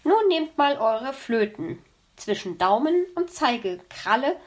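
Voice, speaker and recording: A cheerful female elf from a storybook, teasing and bright, a bit higher and louder than plain narration, as a woman reads her. Lively and friendly in tone. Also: unhurried. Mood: instructive. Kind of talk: audiobook reading.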